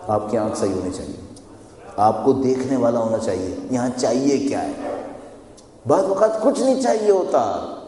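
A man's voice: mid-range voice, warm tone. Male preacher, conversational storytelling, repeats phrases, reverberant hall recording. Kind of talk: sermon with personal anecdotes. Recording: echoey hall with long reverb.

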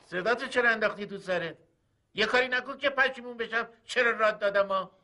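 A stern head of the family, very high and piercing, giving commands. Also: male voice, pushed and bright. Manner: commanding, scolding. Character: stern older brother and father, scolding.

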